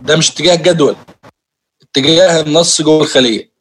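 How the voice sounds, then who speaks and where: Fast-talking Egyptian man explaining steps. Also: on the high side, fairly bright tone, husky. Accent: Egyptian Arabic. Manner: explains step by step, addresses students directly. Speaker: computer skills teacher. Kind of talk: screen-share tutorial lesson.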